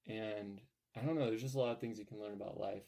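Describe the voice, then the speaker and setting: Young male podcast host, mellow tone, rambling and upbeat, filler-heavy. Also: lowish voice, steady tone, quick pace. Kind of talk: casual podcast chat.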